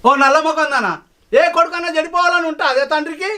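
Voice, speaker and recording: Middle-aged village husband, played by a man: Telangana Telugu accent, high voice, exasperated and placating. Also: quick pace, background noise. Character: weary, peace-keeping village husband and farmer. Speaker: village father-in-law. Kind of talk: village short-film acting. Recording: background music under dialogue. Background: film music.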